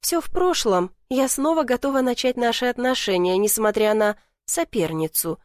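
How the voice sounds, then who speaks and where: Woman reader doing a high cooing blonde vixen, shrill and sugary, dry close audiobook sound. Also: expressive, normal speed, no room sound, natural voice. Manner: sugary coaxing, shrieks when scared. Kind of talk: audiobook character voice.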